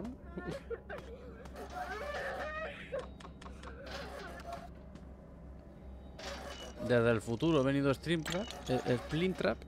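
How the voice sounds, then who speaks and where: Young man, Spain accent, casual gaming commentary, swears a lot, mid pitch, loud background noise. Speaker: gamer. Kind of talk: let's play commentary. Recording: noisy with game sounds behind.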